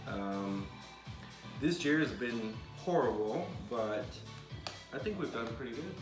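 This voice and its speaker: A man's voice: mid-range voice, lively intonation, slow. A forty-year-old man chatting casually at a home table, teasing and reflective. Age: 40s. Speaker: co-host, partner. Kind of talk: casual chat. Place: home dining room. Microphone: far camera. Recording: echoey room with music behind.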